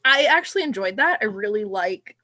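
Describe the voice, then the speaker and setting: A woman co-hosting a casual book discussion, conversational and quick to laugh. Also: mid-range voice, lively intonation, sharp tone. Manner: conversational, laughs easily, uses "like" often.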